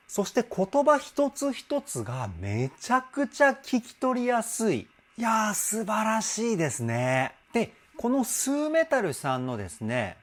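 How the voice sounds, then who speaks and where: A man working as a vocal coach, giving casual commentary on a song and explaining singing technique with enthusiastic admiration. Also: high-pitched. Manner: speaks with soft drawn-out "uun" sounds while listening.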